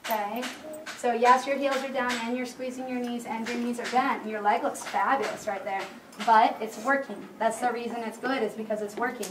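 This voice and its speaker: High-voiced woman calling brisk riding commands, echoey hall. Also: fairly even intonation. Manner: firm, instructive, checks understanding with questions. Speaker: horse riding instructor. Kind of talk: live riding lesson coaching. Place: large echoey riding arena. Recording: echoey hall, distant mic, background noise.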